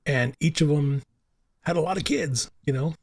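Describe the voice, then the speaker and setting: A podcast co-host with a slightly high voice talks earnestly at a normal speed, repeating himself for emphasis in casual chat. Italian and Spanish were his first languages.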